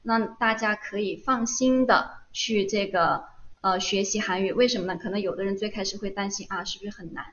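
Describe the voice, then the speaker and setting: A woman's voice: medium pitch, brisk, fairly bright tone, dull audio. A woman teaching Korean in an online lesson, patiently asking questions and answering them herself. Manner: patient, asks and answers her own questions.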